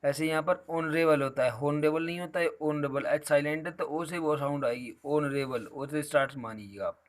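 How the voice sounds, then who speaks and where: Male teacher, slightly high voice. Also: fairly quick. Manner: explains patiently, calls students "beta" often. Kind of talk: grammar lesson.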